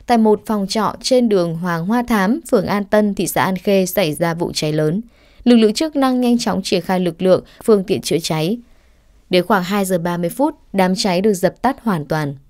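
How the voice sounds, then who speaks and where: A woman reading a news report voice-over in a steady, formal way. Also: mid-range voice, normal speed, no echo, clean studio sound.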